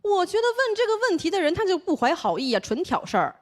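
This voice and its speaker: A woman's voice: very high voice, fast. A young woman from Taiwan with a Beijing accent, telling a stand-up comedy set on stage. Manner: lively storytelling with quoted voices. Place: comedy stage with live audience.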